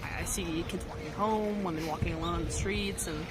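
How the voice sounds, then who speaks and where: A woman's voice: lowish voice, brisk, loud music behind the voice. A young woman from Boston, a tourist answering interview questions in a casual, chatty way with many fillers. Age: young adult. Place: outdoors on a city street. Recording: loud outdoor street noise.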